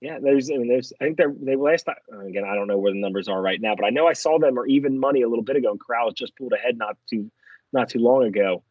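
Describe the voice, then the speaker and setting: A man's voice: medium pitch, no room sound, dull audio. Rambling New York guy talking football. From Philadelphia and New York area. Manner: rambling, self-correcting, fast bursts. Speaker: podcast co-host. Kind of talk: casual sports betting chat.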